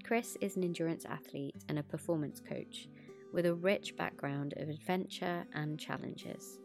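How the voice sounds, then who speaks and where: A woman's voice: deep voice, normal speed, soft background music. A woman hosting a self-development podcast, reading a scripted guest introduction and then chatting. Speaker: podcast host. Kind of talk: podcast interview.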